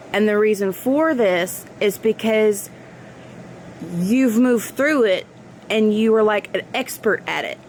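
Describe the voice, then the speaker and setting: A woman giving an earnest, reflective spiritual monologue in halting phrases, as in a personal vlog. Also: medium pitch, a little hiss or hum, rough recording. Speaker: spiritual vlogger.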